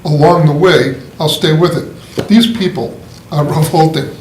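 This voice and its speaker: In a casual writing group discussion, a man with a slightly high, somewhat mellow voice offers a blunt, opinionated critique at an unhurried pace, laughing at his own remarks. The room sounds roomy, with faint noise in the background.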